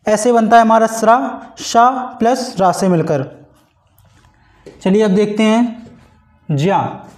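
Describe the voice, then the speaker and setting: A Hindi teacher gives a blackboard-style grammar lesson in a high-pitched, slightly mellow voice, speaking slowly with long pauses. He is patient, repeating and stretching out syllables to demonstrate pronunciation. The sound is reverberant.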